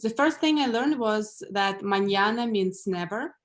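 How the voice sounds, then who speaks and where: A woman from Russia with a Russian accent, doing a stand-up set over a video call in a deadpan, blunt way, laughing at her own jokes. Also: mid-range voice, measured pace. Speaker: stand-up comedian.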